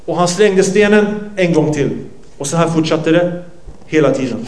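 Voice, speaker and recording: A preacher with a fairly high voice retells a hadith in a sermon, translating it on the spot and correcting himself as he goes. The recording is rough and roomy with slight background noise.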